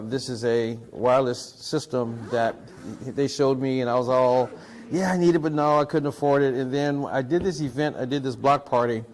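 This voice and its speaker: A man hosts a tech review show, unboxing gear while talking casually and rambling, often restarting and repeating himself. He's an audio and video production technician, and his voice is medium in pitch and a little mellow.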